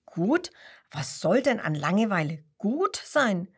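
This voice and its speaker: A woman's voice: mid-range voice, very animated, slow pace, husky, full character voice. A woman voicing a whiny, wailing male hand puppet in a children's storybook reading. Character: whiny male puppet friend Seppel, easily bored.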